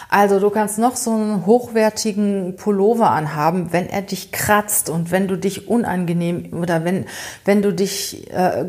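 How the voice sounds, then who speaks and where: German-speaking woman coaching, low-pitched voice. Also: a little mellow. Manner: direct, instructive, informal du-address with fillers. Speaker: coach giving first-impression tips. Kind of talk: advice talk addressed to viewer.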